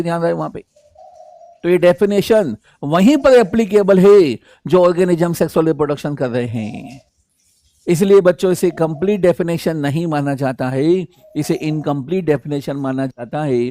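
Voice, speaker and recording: A man teaching biology in an online live class, reading English definitions slowly and explaining them in Hindi, calling students 'sahab' and reading their names from the chat. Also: on the high side, mellow. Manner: addresses students as 'sahab' and 'bachchon', repeats key points.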